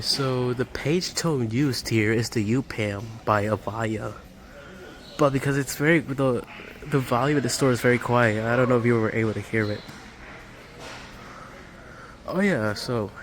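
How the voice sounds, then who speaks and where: Holding a phone or camera, a male vlogger walks a large warehouse store and chats casually about it, speaking at normal speed with long pauses in a medium pitch. Store ambience is clearly audible.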